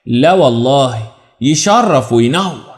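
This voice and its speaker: A man's voice: a little high, lively intonation, close to an everyday voice. A man doing a scornful Egyptian stepmother. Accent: Egyptian Arabic. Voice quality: mocking, drawn-out sneer. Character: scornful, flirtatious middle-aged stepmother.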